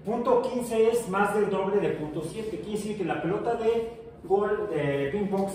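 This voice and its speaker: A man's voice: high-pitched, a little slow, darkish tone, a little hiss or hum. A male physics teacher, lecturing a class in a joking way and asking his students questions. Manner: jokey, asks the class questions. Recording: echoey room, far from mic.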